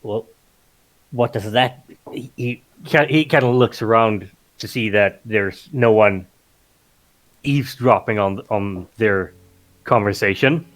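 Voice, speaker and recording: Slow, halting man playing a tabletop game. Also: fairly low pitch. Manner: halting, with many restarts and fillers. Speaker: tabletop role-play player. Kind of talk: in-character role-play with narration.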